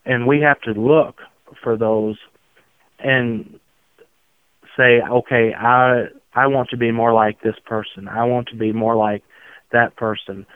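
A man from Tennessee with a slow, unflappable Southern drawl, talking reflectively as an interview guest. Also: medium pitch, steady tone, smooth, no room sound. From outskirts of Memphis, Tennessee. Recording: muffled narrow phone-like line.

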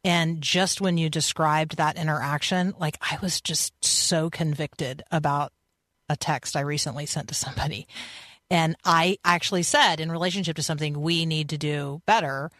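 A woman's voice: low voice, steady tone, moderate pace, a bit bright, dry recording. Earnest woman hosting a radio interview. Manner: earnest, conversational. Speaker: radio host.

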